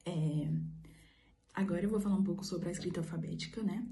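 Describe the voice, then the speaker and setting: A woman's voice: lowish voice, a little fast, dark tone, slight background noise. A woman explaining a topic in a class presentation, with fillers. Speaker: student presenter.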